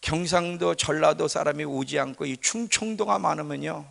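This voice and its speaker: In a reverberant church sanctuary, a pastor delivers his sermon like a conversation, often questioning the people in the pews. He talks at a normal speed in a slightly high, creaky voice with a fairly bright tone.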